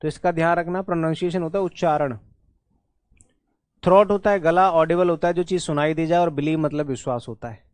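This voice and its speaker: A man's voice: a little high, fairly quick, no room sound. Man teaching spelling in Hindi and English. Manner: explains in Hindi mixed with English, checks in often. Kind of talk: exam-prep lesson.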